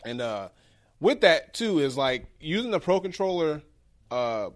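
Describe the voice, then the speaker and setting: A very animated man co-hosts a video game podcast from a studio, speaking a little slowly in a fairly high voice. His talk is casual and informal, peppered with slang and easy swearing.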